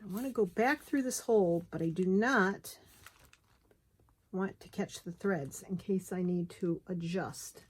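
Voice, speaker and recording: Her voice low, husky and a little slow, a crafter demonstrates bookbinding in a casual tutorial. She chats, talks to herself while working and offers apologetic asides, all recorded on a phone camera close by.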